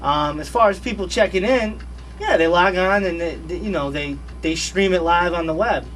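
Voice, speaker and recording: Far from the mic in a radio studio, a man in his thirties chats casually as a guest on a radio show. His voice sits high with a fairly bright tone at normal speed, and he's laid-back and slangy, repeating his phrases.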